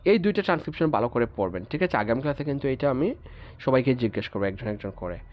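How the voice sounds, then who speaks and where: A man's voice: mid-range voice, lively intonation. Patient man teaching pronunciation, dull sound. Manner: patient, repeats example words slowly, checks understanding. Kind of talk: classroom lecture on phonetics.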